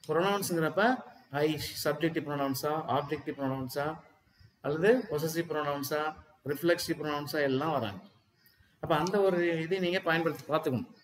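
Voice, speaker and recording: Slow, deliberate man teaching grammar. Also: fairly high pitch, poor audio. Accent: Tamil. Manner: switches between Tamil and slow, deliberate English; asks students if they follow. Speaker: English teacher. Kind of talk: exam-prep grammar lesson.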